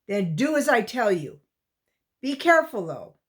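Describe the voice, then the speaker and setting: A woman's voice: on the high side, very animated, measured pace, fairly bright tone. A woman voicing a determined young mountain boy in a storybook reading, urgent and commanding.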